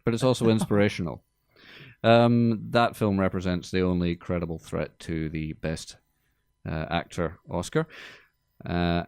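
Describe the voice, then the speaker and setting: A man's voice: low-pitched, flat delivery, moderate pace, darkish tone, smooth, no echo. A man hosting a film podcast in a studio, chatting in a jokey, rambling way with many fillers. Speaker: podcast host. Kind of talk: casual chat about film music.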